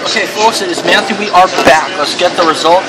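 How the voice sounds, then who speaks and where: A man's voice: high voice, fairly quick. Man gaming host over noticeable background noise. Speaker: host of game playthrough videos. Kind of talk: casual gaming commentary. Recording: clearly noisy, with urban ambience.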